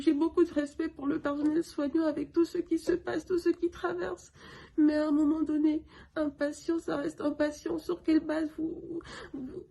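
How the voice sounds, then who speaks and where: High gravelly woman, halting and shaken. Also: warm tone. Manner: halting, stammering, indignant. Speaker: patient giving a testimony. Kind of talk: emotional personal testimony.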